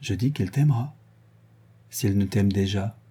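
Sly, playful young woman for an audiobook, read by a man, warm and husky, teasing throughout. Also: normal speed. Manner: lively, teasing, higher voice.

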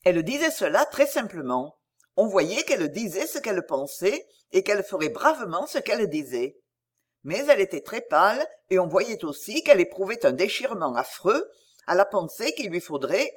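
A woman narrating a story aloud as an audiobook. Her delivery is expressive and animated, with a wide, lively pitch range around a mid-height voice. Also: slightly rough.

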